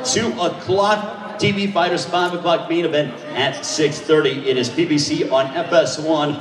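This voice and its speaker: Male fight announcer, high-pitched showman delivery with stretched-out names, heard from off-mic in a big echoey hall. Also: fairly even intonation, normal speed, distant mic, crowd noise. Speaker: boxing weigh-in ring announcer. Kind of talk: live sports announcing. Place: large echoing event hall.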